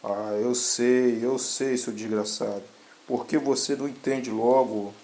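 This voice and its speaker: Um diretor de academia ríspido e desdenhoso, feito por um homem, que insulta com desprezo. A voz masculina fica em altura média, quase sem disfarce. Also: male voice, medium pitch, fairly even intonation, measured pace, mellow, slight background noise, lightly acted. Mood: scornful. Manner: scornful, insulting. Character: harsh, contemptuous male academy director.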